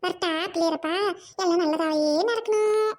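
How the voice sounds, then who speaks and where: A woman's voice: extremely high pitch, normal speed. A woman in her thirties with a Tamil accent, whining and pleading in a comic skit. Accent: Tamil Nadu Tamil. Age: 30s. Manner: whiny, pleading, sobs and laughs in turns. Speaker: comedy skit actress.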